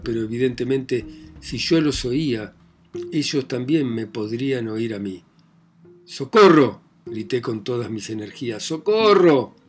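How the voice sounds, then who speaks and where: A man reading a novel aloud, his voice of middle pitch kept low and hushed. He paces the story in a measured, dramatic way, with soft music faintly behind him. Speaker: audiobook narrator. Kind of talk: scripted novel narration.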